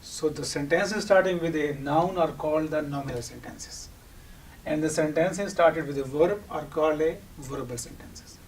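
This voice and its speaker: A man teaching in an explanatory style asks questions and answers them during an instructional lecture. He speaks with a Pakistani accent, Urdu being his first language, in a voice on the high side at a moderate pace, recorded from a distance with audible background noise.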